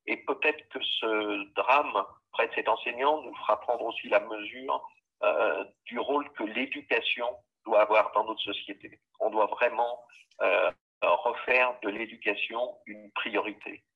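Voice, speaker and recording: Gravelly man on a speakerphone. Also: lowish voice, a little slow. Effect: heard through a phone on speakerphone. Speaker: regional councillor guest on a political livestream. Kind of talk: political address on a live video meeting. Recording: muffled lo-fi phone speaker sound.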